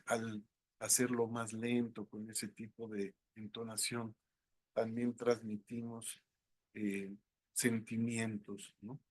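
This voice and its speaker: Male instructor; slow, halting lecture delivery, dry close mic. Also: medium pitch, darkish tone, dry recording. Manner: unhurried, thinking aloud with many fillers. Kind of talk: online lecture.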